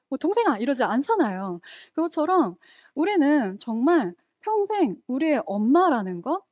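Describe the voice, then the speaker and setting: A woman's voice: fairly high pitch, a little mellow, no echo, lo-fi sound. A woman preaching a sermon in a conversational way, often asking the congregation questions.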